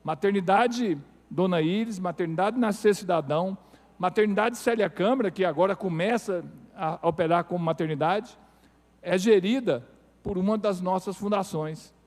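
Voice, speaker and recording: High-voiced man appealing in an echoing chamber. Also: a little mellow. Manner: earnest appeal with hesitant restarts. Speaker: university rector. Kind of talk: formal speech at a council tribune. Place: city council chamber. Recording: reverberant council chamber.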